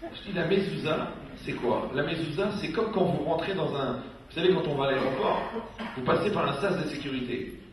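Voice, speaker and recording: A man's voice: on the high side, moderate pace. Man lecturing in an echoey hall. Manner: lively storyteller, acts out quoted people. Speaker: rabbi giving a talk. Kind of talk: humorous talk to a dinner audience. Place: dinner hall with an audience. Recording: echoey hall, distant mic, faint noise.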